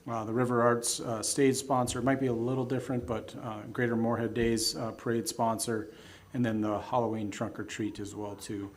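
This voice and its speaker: A man giving an informal report at a public meeting with halting, casual phrasing. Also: mid-range voice, little pitch movement. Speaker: staff presenter. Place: public commission meeting room.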